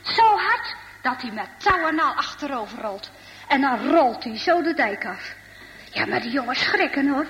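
A woman telling a story to children in a lively way, with many asides to her listeners. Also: high voice, moderate pace, big-room sound, slight background noise, low-quality recording.

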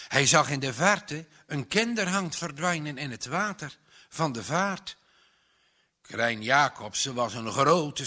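A man reading a children's story aloud, slow and dramatic, with tense pauses. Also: fairly high pitch, bright, forceful tone. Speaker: narrator. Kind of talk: storybook narration.

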